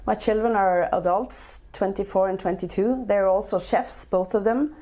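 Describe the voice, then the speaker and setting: In a dark-toned, mid-range voice at normal speed, a woman in her forties from Norway answers interview questions in Norwegian-accented English. She's a guest, a chef and entrepreneur, and comes across hesitant, leaning on many filler sounds.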